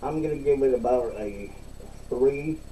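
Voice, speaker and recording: Casting: male reviewer, very mellow dark tone, unhurried halting delivery, mic a bit far off. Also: mid-range voice, slight background noise. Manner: halting, repeats himself. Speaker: product reviewer. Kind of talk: casual, unscripted online review.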